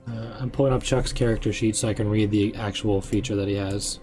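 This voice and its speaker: A young man who runs tabletop games, chatting casually on a stream with lots of fillers and excited asides. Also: on the low side, brisk, soft background music. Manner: rambling, filler-heavy, excitable. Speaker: game master. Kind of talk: casual chat on a live stream.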